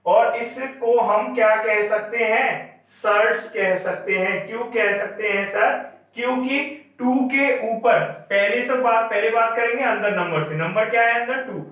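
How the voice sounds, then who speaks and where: A man's voice: sits high, unhurried, fairly bright tone. A male math teacher giving a classroom lecture, asking questions and answering them himself. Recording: echoey room, far from mic.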